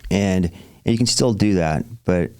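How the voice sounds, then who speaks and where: A man's voice: low-pitched, unhurried, warm tone, clean tone, no room sound, clean studio sound. A man in his forties, a real estate investor guest on a podcast, telling his story with upbeat enthusiasm and plenty of fillers. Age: 40s. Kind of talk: podcast interview.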